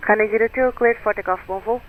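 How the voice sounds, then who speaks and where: A man's voice: sits high, fairly even intonation, fast. A man working as an air traffic controller, giving clipped standard instructions over aviation radio. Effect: aviation radio transmission. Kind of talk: pilot-and-tower radio phraseology, clipped instructions. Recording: narrow-band radio with faint noise.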